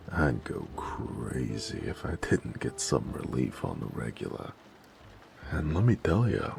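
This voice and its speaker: In a noir romance audio drama, a man voices a flirty, cocky mafia driver, speaking in an American teasing, slangy tough-guy drawl. His extremely deep voice carries heavy gravel and fry, with a darkish tone and a full character performance. Music plays clearly behind this intimate, one-sided roleplay.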